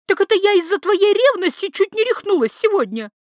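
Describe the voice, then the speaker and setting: A woman's voice: very animated, normal speed, fairly bright tone, no echo, studio quality, heavily acted. A woman voicing an indignant young wife who screeches back at her jealous husband. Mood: furious. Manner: shrill, indignant, high-pitched. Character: shrill, furious young wife.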